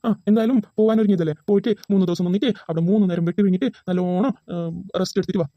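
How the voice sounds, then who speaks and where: A woman voicing a fast-talking, pleading cartoon son. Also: medium pitch, dry recording, natural voice. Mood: arguing. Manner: rapid, pleading argument. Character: adult son, earnest and pleading, defends sick wife. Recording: dull lo-fi recording.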